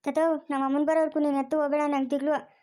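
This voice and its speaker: A woman plays a worried young granddaughter in a homemade village drama. She speaks in a high voice with a rural Kannada accent and keeps pleading with her grandfather out of fear. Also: level tone, rapid-fire, mellow, close to an everyday voice. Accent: rural Kannada, Chikkaballapur region. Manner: worried, pleading, repeats herself. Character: young granddaughter, anxious and fretful. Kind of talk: amateur family drama acting.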